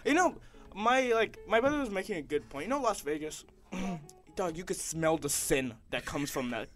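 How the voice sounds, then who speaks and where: Young man, podcast co-host, rambling, filler-heavy, animated high voice, faint music behind. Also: moderate pace. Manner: rambling, laughs between words, lots of fillers. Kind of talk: casual group chat.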